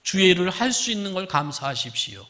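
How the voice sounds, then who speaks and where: A male pastor preaching a sermon in a church, swinging between loud emphasis and hushed, whispered lines. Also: sits high, big pitch swings, fast. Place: church sanctuary.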